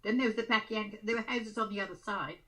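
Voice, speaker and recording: Very old lady around 100, bright voice, chatting about old memories, stops and hunts for words. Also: medium pitch, steady tone. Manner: halting, repeats words and searches for them. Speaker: interviewee recounting memories. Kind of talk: casual reminiscence.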